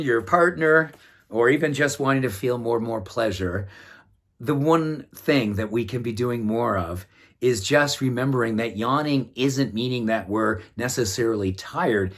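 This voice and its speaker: Animated, husky-voiced middle-aged man. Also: medium pitch. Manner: animated and enthusiastic, chatting to his pet pug between points. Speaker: wellness doctor hosting his own channel. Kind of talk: casual talk to camera.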